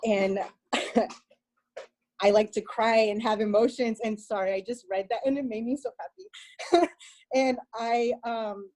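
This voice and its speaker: A woman, a mother, sharing her story as a fitness coach on a video call, rambling in a quick, excitable way. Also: fairly high pitch, low-quality recording. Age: adult mother. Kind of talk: casual emotional testimony.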